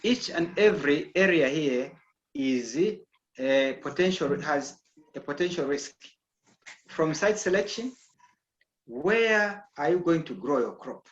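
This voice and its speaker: A man from Zambia lectures an online agriculture class in a little high, animated voice at a slow pace. He keeps repeating "okay?" to check that students understand. The audio comes over a video call and sounds echoey and dull.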